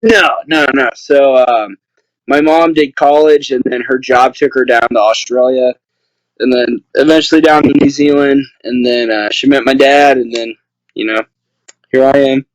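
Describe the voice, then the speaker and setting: A man's voice: medium pitch, steady tone, moderate pace, no echo, rough recording. Laid-back young man on a video call. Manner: laid-back, rambling with many fillers. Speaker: guest, pro wrestler. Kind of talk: casual podcast interview. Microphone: webcam on a video call.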